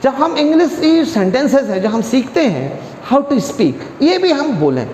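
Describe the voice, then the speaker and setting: A man teaching a classroom English grammar lesson who explains slowly, repeats words and asks the class questions. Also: extremely high pitch, big pitch swings, darkish tone, a little hiss or hum. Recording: echoey room with a long reverb.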